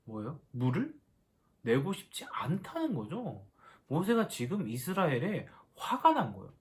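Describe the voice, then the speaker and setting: A man leads a children's worship lesson, asking the kids question after question. His voice sits a bit high for a man and rises and falls a great deal as he talks. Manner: animated, asks the children questions. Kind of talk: children's sermon.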